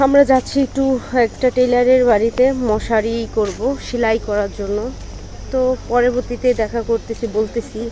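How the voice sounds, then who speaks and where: A young woman, chatting to her viewers as friends in a casual family vlog and gently coaxing her little child, walking outdoors in a village with a phone camera. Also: fairly high pitch, slight background noise. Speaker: vlogger and mother.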